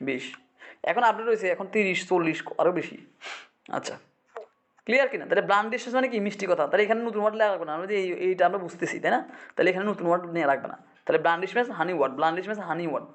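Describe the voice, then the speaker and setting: Man, teacher, classroom vocabulary lesson, repetitive drilling, rapid talk. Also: high-pitched, fairly bright tone. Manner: drills words by repetition, quizzes students. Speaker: English teacher.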